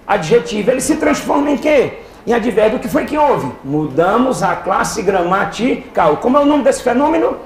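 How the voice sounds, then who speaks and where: A man teaching a live exam-prep class, lively, firing questions at the students and answering them himself. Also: very high voice. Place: lecture hall with students. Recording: echoey hall with faint background noise.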